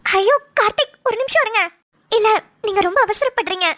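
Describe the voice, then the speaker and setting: A woman's voice: very high voice, brisk, sharp tone, pitched above the performer's own voice. A woman voicing a nervous young woman in a cartoon, stammering and pleading as she hesitates. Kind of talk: cartoon voice acting.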